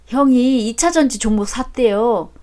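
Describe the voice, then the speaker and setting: Woman playing a cheeky grown-up son, flat and blunt, highish voice. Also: moderate pace, natural voice. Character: blunt adult son, cheeky toward his father.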